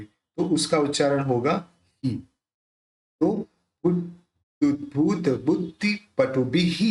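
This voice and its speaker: A man teaching pronunciation of a devotional hymn, explaining patiently and then reciting its verses slowly, syllable by syllable. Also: fairly high pitch, reverberant. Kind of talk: pronunciation lesson with slow chanted recitation.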